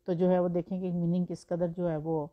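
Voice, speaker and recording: A woman's voice: fairly low pitch, little pitch movement, narrow, tinny audio. A woman teaching Quran recitation in a patient, explanatory way, using examples and rhetorical questions. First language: Urdu. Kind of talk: explanatory religious lesson.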